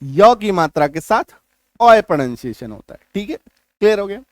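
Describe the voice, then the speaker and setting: A high-pitched man teaches a spelling lesson in a patient, repetitive way, asking again and again whether the point is clear. The recording is dry and close, with no room sound. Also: very animated, normal speed, no echo. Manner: repetitive, checks understanding often. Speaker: English teacher. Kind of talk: spoken classroom lesson.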